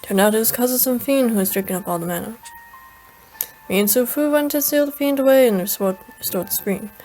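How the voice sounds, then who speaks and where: A woman's voice: fairly high pitch, brisk, mellow, lightly acted, low-quality recording. Woman voicing a jolly old dragon man, drawling rustic voice, grandfatherly, game story reading, faint music behind. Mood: storytelling. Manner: folksy, chuckling, grandfatherly. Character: jovial folksy old male dragon.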